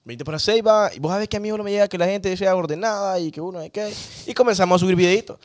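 A man's voice: sits high, racing. A young man, telling rambling anecdotes in a casual podcast chat, full of fillers and quoted voices. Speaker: podcast guest.

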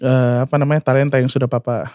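A man in his twenties, a singer and guest, telling an emotional personal story in a halting way, full of fillers and speaking of himself by name. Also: medium pitch, little pitch movement, a little mellow, no room sound. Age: 20s.

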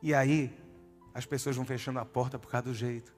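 A man's voice: medium pitch, fairly even intonation, brisk. A man preaching a sermon in a church, emphatic and speaking straight to his listeners. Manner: emphatic, addresses listeners directly as "my dear". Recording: reverberant hall with music behind.

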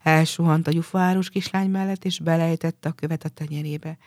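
Low-voiced woman reading a fairy tale. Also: steady tone, a little mellow, no room sound. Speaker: storyteller.

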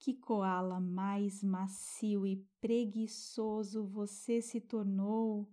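A Brazilian woman narrates like a sleep story reader guiding small children through meditation. Her voice is mellow and relaxed, and she speaks very slowly. The manner is gentle and hushed, with tender little words. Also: mid-range voice. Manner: gentle, hushed, breathy pauses, tender diminutives.

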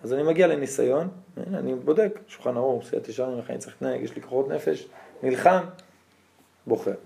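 A rabbi giving a religious lesson, telling stories and checking in with his listeners in an animated way. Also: medium pitch, creaky.

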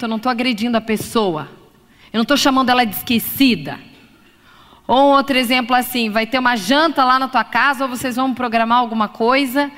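High-voiced woman lecturing in a reverberant hall. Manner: expressive, acts out examples in voices. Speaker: psychologist giving a lecture. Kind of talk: live lecture to an audience.

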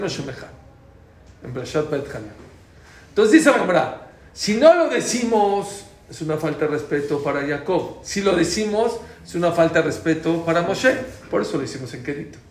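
A man teaching a prayer class, explaining points and quizzing his students. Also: fairly high pitch. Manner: lively, asks the class questions, repeats key points loudly. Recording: echoey room, faint background noise.

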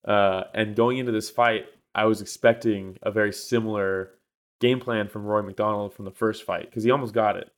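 A man's voice: on the low side, steady tone, normal speed. A man co-hosting a podcast, telling a story in casual chat with lots of fillers and swearing. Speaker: podcast co-host.

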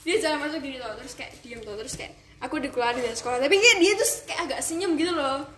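A woman's voice: high-pitched, lively intonation, fast talker, crowd noise. A teenage girl chatting casually with a friend, hesitant with many fillers. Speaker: podcast co-host. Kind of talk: casual gossip chat.

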